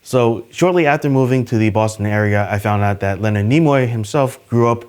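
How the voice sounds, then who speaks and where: A man's voice: a little fast, darkish tone, smooth. A man hosting a casual trivia video, talking to the camera in an upbeat, chatty way with plenty of fillers. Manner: enthusiastic, pitch jumps on list numbers. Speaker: YouTube host.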